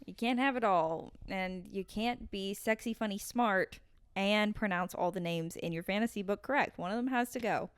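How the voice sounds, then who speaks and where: A woman's voice: medium pitch, normal speed, clean tone, no room sound, studio quality. A young woman co-hosting a podcast, chatting casually in a playful, teasing, emphatic way. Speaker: podcast co-host. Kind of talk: casual chat.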